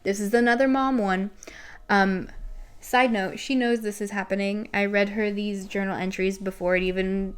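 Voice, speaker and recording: A woman in her twenties speaks at a middling pitch in a candid, confessional vlog style. She is self-deprecating and conversational as she reflects on personal writing, with faint music underneath. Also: fairly even intonation, moderate pace, clean tone. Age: 20s. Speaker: vlogger. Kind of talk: casual confessional talk to camera, reading and commenting on an old journal. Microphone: recorded at home with a ring light set up.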